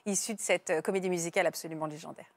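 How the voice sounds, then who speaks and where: Fast, bright woman talk host, dry close mic. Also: on the low side, fairly even intonation, dry recording. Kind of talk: casual TV chat.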